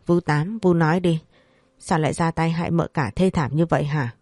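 A woman's voice: deep voice, moderate pace, darkish tone, no echo, clean studio sound. A woman voicing a young nobleman in a storybook drama, interrogating a servant sternly and threatening punishment.

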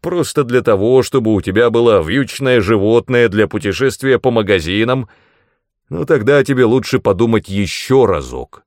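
A man voicing a grumpy, blustering male demon mentor in an audiobook, given to loud indignant outbursts. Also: fairly low pitch, expressive, moderate pace, no room sound, clean studio sound, close to an everyday voice. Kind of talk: audiobook character reading.

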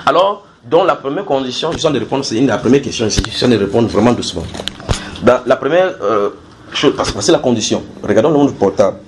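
A man's voice: mid-range voice, lively intonation, fast talker, a little hiss or hum. A man preaching and teaching from the Bible to a gathered group. He explains with everyday analogies, repeats key phrases and asks his listeners questions to draw responses.

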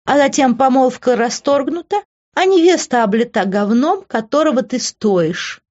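A woman's voice: high-pitched, animated, normal speed, darkish tone, lo-fi sound, pitched above the performer's own voice. A woman voicing a spiteful, mocking young woman who taunts in a sneering tone. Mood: taunting.

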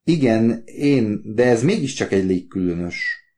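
A man's voice: fairly low pitch, lively intonation, dark tone, natural voice. A man voicing a stiff, formal older law dean in an audiobook. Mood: incredulous.

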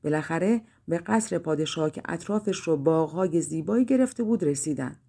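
A woman narrating a fairy-tale audiobook in a calm storytelling manner. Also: low voice, gravelly, slightly rough.

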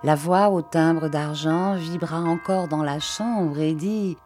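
A woman narrating a classic tale aloud with a measured, expressive delivery. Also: deep voice, soft background music. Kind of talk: literary story reading.

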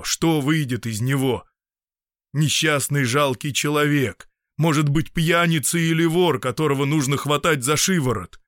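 Man voicing gruff despairing doctor, middle-aged, emphatic, mid pitch, dry. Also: fairly bright tone, dry recording, natural voice. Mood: agitated.

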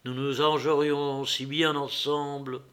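A calm, thoughtful younger brother who reasons gently and slowly, as a male audiobook reader does him. The voice sits a little high and stays unhurried. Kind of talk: audiobook character reading.

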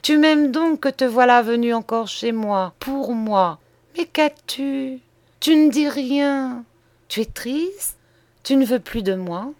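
An ardent young woman lover, pleading and breathless with tender, urgent questions, voiced by a woman reading a story. The voice sits clearly higher than the reader's own. It is heard close and dry, with no room around it. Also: lively intonation, slow pace, darkish tone, dry recording, full character voice. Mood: anxious.

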